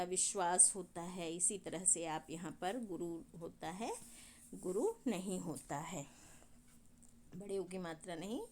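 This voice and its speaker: A woman teacher giving a recorded grammar lesson to schoolchildren, explaining patiently and asking questions she then answers herself, with said. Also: mid-range voice.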